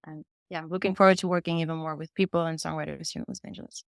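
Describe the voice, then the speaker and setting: This podcast guest is a singer-songwriter in her twenties from Vienna, Austria, whose first language is German. She talks very fast in a deep, steady voice with vocal fry, answering questions candidly and earnestly about her life. The audio is studio quality with no echo.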